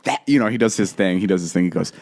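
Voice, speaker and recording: A young man co-hosting a podcast, trading quick, joking banter and laughing often. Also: low-pitched, darkish tone. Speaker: podcast co-host.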